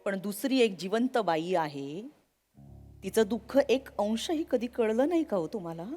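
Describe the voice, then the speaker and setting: A woman's voice: medium pitch, expressive, normal speed, dark tone, faint music behind, close to an everyday voice. An actress playing an exasperated wife who needles her husband with pointed questions. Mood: needling. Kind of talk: stage comedy sketch.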